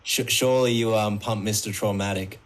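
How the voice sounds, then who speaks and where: A man's voice: fairly low pitch, fairly even intonation, moderate pace. A man from Wales chatting casually and enthusiastically. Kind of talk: casual chat.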